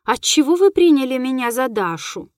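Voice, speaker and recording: A plaintive, mocking ghost of a young lady in an audiobook, read out by a woman. She speaks softly and sadly, at an ordinary pitch. The recording is dry and close. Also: normal speed, no room sound, lightly acted.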